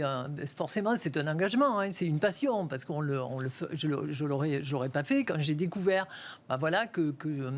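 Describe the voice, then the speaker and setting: Middle-aged woman, sing-song Toulouse accent, business guest, halting and searching for words. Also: low-pitched. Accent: southwestern French, Toulouse. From Toulouse, France. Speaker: bank executive guest. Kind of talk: business interview answers.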